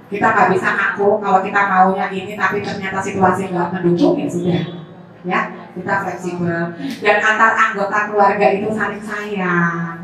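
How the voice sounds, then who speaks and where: A woman's voice: mid-range voice, fairly bright tone. A woman giving a seminar talk to parents, chatty, addressing them often with tag questions. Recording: echoey room, voice far from mic.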